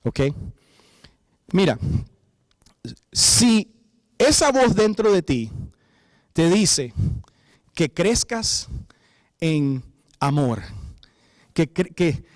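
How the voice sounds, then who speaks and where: A man preaching a sermon as pastor, animated, acting out quoted voices and rising to shouts for emphasis. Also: high voice, drawn-out words, long pauses, dry recording, studio quality.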